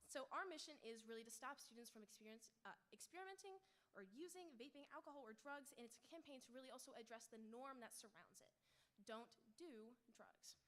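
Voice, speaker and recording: A woman's voice: a little high, a little fast, fairly bright tone. A young woman in her late teens giving an informal public presentation as a student. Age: teens, high school senior.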